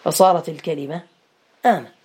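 A man's voice: fairly high pitch, steady tone, fairly quick, darkish tone, slightly rough. A man teaching an Arabic grammar lesson online, quizzing students by name and repeating words for them.

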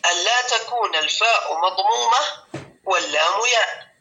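A male teacher leads a classroom grammar lesson with a high voice and a very bright, sharp tone. He goes patiently, repeats key words slowly and often asks his students whether they follow. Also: low-quality recording.

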